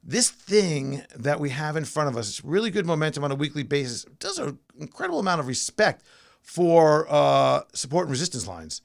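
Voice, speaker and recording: A man's voice: on the high side, big pitch swings, brisk, creaky. A man hosting a pre-market stock show, casually talking through charts and thinking aloud with fillers and restarts.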